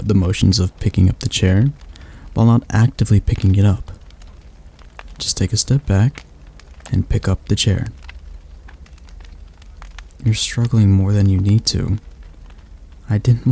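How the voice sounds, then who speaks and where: In a heavily acted ASMR roleplay, a man plays a patient male demon tutor who teaches magic in a calm, gently commanding way. His lowish voice is gravelly with a breathy edge.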